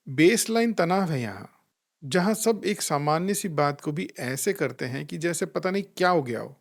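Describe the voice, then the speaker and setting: Male spiritual speaker, gentle storyteller, voice a touch high, easy and unhurried. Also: gravelly. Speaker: spiritual life coach. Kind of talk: calm reflective spiritual talk with anecdotes.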